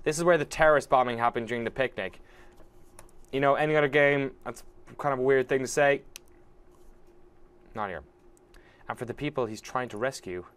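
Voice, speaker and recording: A man's voice: medium pitch, brisk, long pauses, fairly bright tone, clear, resonant tone. Wry man commenting on a game. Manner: wry, joking. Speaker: let's play host.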